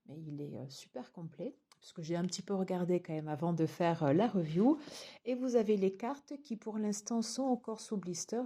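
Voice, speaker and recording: A woman's voice: fairly low pitch, dark tone, a little hiss or hum. A woman casually reviewing a tarot deck and its guidebook, chatty, with many fillers and restarts.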